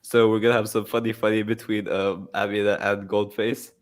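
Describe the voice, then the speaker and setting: Male livestream host, low register, playful and rambling. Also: little pitch movement, a little fast. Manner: playful, teasing, rambling with fillers. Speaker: host of a fan news livestream. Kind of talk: casual livestream chat.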